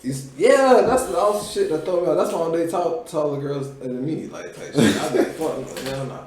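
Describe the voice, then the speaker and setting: A man's voice: fairly high pitch, animated, fairly quick. A man appearing as a podcast guest, telling laid-back, profane stories in casual chat. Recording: very echoey room, distant mic, crowd noise.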